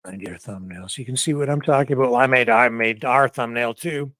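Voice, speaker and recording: A man's voice: mid-range voice, fairly quick, fairly bright tone, no room sound, studio quality. A man hosting a casual news livestream, rambling and chuckling while he searches for clips.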